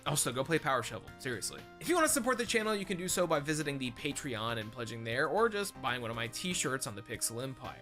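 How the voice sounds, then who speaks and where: A man's voice: medium pitch, very animated, fast, hardly any pauses, pushed and bright, soft background music. A young man narrating a scripted retro video game review, with wry, joking asides.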